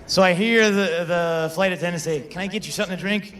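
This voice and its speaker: A man's voice: high voice, fast talker, fairly bright tone. A young man performing a stand-up comedy set, telling stories in a conversational way and talking with the crowd. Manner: conversational storytelling with crowd work.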